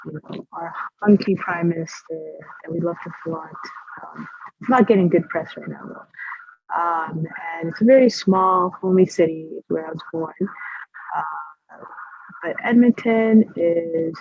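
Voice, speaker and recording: A young woman chatting as a guest over a video call, relaxed, with plenty of fillers and sentences that fade off quietly. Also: fairly low pitch, unhurried, vocal fry, breathy edge, no room sound, phone-quality sound. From Canada. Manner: relaxed, trails off softly, many fillers. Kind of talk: casual interview chat.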